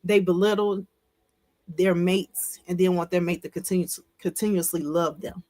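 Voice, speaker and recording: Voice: mid-range voice, fairly even intonation, moderate pace, darkish tone. Frank conversational podcast voice. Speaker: podcast co-host. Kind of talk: casual podcast chat.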